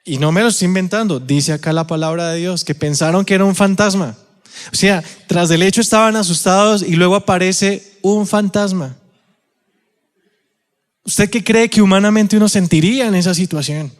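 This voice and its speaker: Colombian male pastor, higher-pitched, animated sermon storytelling, long church reverb. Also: a little fast. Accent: Colombian Spanish. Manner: animated storytelling, acting out quotes, asks the congregation questions. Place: church auditorium.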